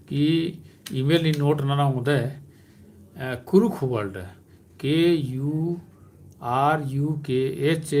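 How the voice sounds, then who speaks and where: Male live-stream host, unhurried and halting delivery, faint hiss behind. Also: mid-range voice, a little mellow. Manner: slow, hesitant, many filler sounds. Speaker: channel host answering live viewer questions.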